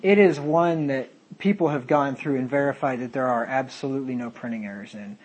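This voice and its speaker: A man's voice: mid-range voice, a little fast. A man, a pastor, teaching a Bible study sermon, reading King James verses aloud and explaining them.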